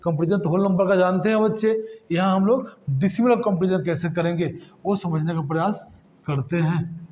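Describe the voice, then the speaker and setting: Male math tutor, high voice, patient question-and-answer classroom delivery. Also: moderate pace, darkish tone, slight background noise. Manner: addresses students as kids, asks and answers his own questions.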